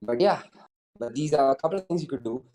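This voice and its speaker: A man with a mellow, dark voice talking loosely on a video call. He rambles, restarts sentences and leans on fillers as he explains his product. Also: mid-range voice, animated, quick pace, low-quality recording. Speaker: startup founder. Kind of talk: casual interview answers over a video call.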